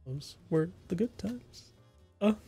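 A man in his twenties commentating a fighting game stream in a casual, laughing way, with quick excited calls of the action. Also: high-pitched, husky, faint music behind. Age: 20s.

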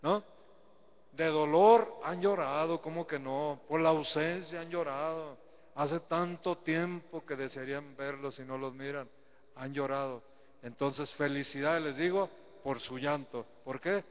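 A man's voice: a little high, steady tone, a little slow. Male priest, folksy sermon, calls for congregation replies, dull lo-fi stream with a long church reverb. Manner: asks rhetorical questions and calls for congregation replies; folksy, teasing preaching. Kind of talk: sermon and prayer at Mass. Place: church sanctuary.

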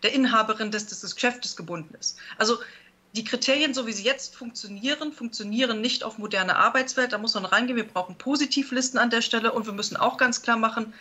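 A woman's voice: on the high side, fast, bright, forceful tone, breathy edge. A woman politician making a firm, explanatory statement in a panel discussion.

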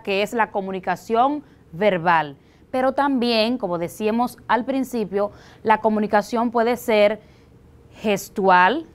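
A woman teacher with a Dominican accent and a fairly high voice presents a language lesson for television. She goes slowly and deliberately, step by step.

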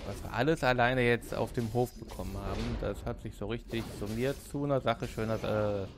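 A man's voice: mid-range voice, steady tone, brisk, music in the background. A man hosting a let's play, casually commenting on his game as he goes. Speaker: gaming let's play host.

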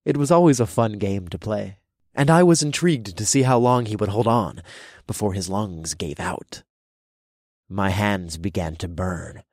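A man narrating an audiobook in the first person, with a dark, gloating storytelling manner. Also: fairly low pitch, dry recording, clean studio sound.

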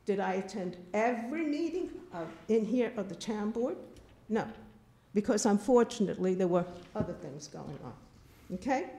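An older woman with a medium-pitched, warm voice and lively intonation speaks at normal speed into a podium microphone during a town board meeting's public comment. Indignant and emphatic, she repeats herself while a distant camera films her in the meeting room.

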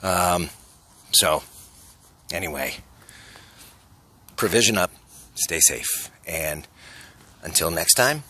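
A man's voice: deep voice, animated, slow, long pauses, bright, forceful tone. A man in his forties vlogging to a phone held at arm's length on a city street at night, earnest and urgent, posing rhetorical questions. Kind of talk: selfie street vlog monologue.

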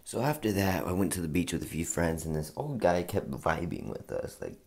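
A man with a very low voice talks casually to his vlog audience. He rambles and fills gaps with "like" and "um." He speaks into a handheld phone, with a faint hiss behind him. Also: sing-song, a little fast, gravelly, a little mellow, low-quality recording. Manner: rambling, chatty, uses lots of fillers. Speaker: vlogger. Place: at home, then a school cafeteria.

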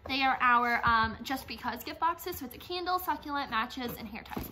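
A woman in her twenties who owns a gift box business chats casually to a phone camera held at arm's length, first in a car and then in a small warehouse office, with frequent "like" and "um." Her voice is high-pitched with lively intonation and a sharp tone, moderately paced, with a little hiss or hum.

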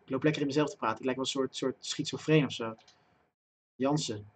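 A young man giving live commentary on his own football game, chatting to viewers and breaking into loud excited yells at big chances. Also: medium pitch, fast talker, a little hiss or hum. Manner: talks to himself and chat, bursts into loud excited shouting at chances. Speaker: gaming streamer. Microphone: desk microphone.

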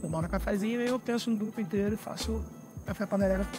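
High-voiced Brazilian man explaining camp coffee. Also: very fast, over music. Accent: Brazilian Portuguese. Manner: relaxed, explanatory, handles gear while talking. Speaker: barista explaining trail coffee gear. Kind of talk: casual outdoor demonstration. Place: forest outdoors.

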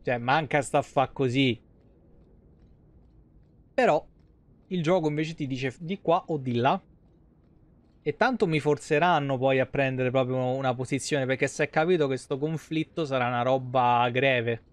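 Speaking at a moderate pace with long pauses, this Italian man has a mid-range voice. He's a live game streamer rambling through casual commentary in a small indoor room, close to his desk mic.

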